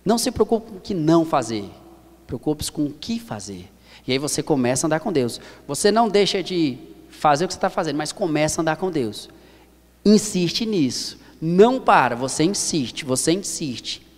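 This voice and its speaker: A man's voice: a little high, big pitch swings, fairly quick. A man in his thirties with a Brazilian Portuguese accent, preaching a sermon earnestly and repeating phrases for emphasis. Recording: long hall reverb.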